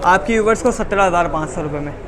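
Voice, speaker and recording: A man with a Pakistani accent selling phones in an insistent teleshopping-style pitch, repeating prices and stock phrases as he runs through models. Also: rapid-fire. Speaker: phone seller. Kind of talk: rapid sales pitch listing models and prices. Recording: busy street noise and chatter.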